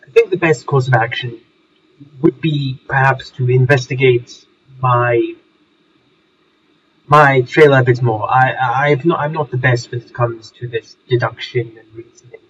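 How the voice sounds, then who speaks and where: A man's voice: mid-range voice, steady tone, moderate pace, fairly bright tone, a little hiss or hum, natural voice. Man acting a fussy showman, distant and muffled. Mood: polite, deferential. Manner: florid, old-fashioned wording with hesitant restarts. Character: long-lived, fussy, mild-mannered male showman. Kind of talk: in-character tabletop role-play. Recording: distant, muffled mic with music underneath.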